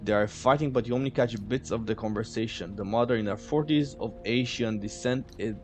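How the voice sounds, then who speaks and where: A man plays through a story game and reads every line of text aloud, narration and dialogue alike, in his own everyday voice. His pitch sits in the middle of the male range. Faint game music plays behind him. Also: a little fast, a little mellow. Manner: reads all characters in his own voice with offhand asides. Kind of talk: casual let's-play narration, reading dialogue aloud.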